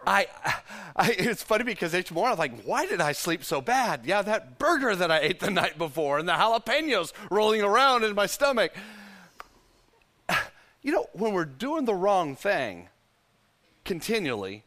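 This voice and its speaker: A middle-aged pastor from Texas with a Texan accent, telling a story in a conversational sermon with self-deprecating humor. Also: male voice, high voice, sing-song, moderate pace, pushed and bright.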